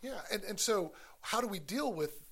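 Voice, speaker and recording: Male co-host, creaky mid-high voice, earnest conversational discussion style. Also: animated, normal speed, fairly bright tone. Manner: earnest, talks through ideas with restarts. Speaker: podcast co-host. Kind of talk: casual church discussion.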